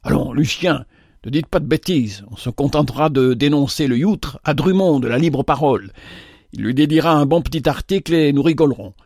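A man doing a calm, sly bookkeeper. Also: on the high side, brisk, no room sound, studio quality. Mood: reasoning. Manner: calm, composed.

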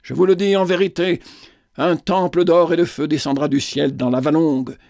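A man reading the part of a wild, starving prophetess who cries out in a hoarse, terrible, doom-laden voice. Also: low voice, fairly even intonation, normal speed, a little mellow, dry recording, clean studio sound. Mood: proclaiming.

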